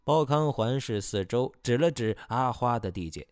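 A man's voice: medium pitch, expressive, moderate pace, a little mellow, dry recording, studio quality. A man narrating a story aloud and shifting his voice for each character.

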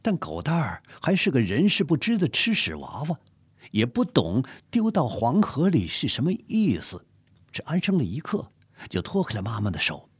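Sex: man. Style: storybook narration. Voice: husky, dry close sound, very lively pitch. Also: normal speed, dry recording. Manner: expressive, dramatic reading.

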